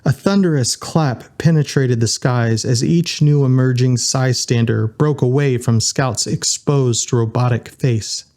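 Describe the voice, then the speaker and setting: A man reading an audiobook in a steady, unhurried narration. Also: mid-range voice. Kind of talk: scripted narration.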